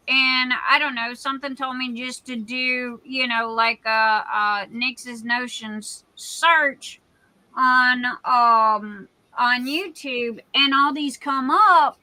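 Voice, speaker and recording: Slow, bright-voiced woman in her sixties. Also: high-pitched, poor audio. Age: 60s. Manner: chatty and rambling, often drifting off topic. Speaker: livestream host and craft shop owner. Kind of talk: casual livestream chat. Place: at home.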